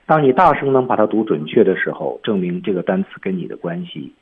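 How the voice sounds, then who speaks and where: Man, english teacher, radio lesson, husky voice, lively pitch swings, tinny phone-line sound. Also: fast. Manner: patient, explains word by word.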